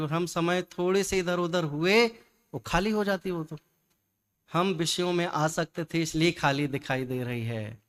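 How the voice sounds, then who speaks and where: A man giving a religious discourse, lively and full of rhetorical questions and repetition. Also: on the high side. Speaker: Jain scholar giving a discourse.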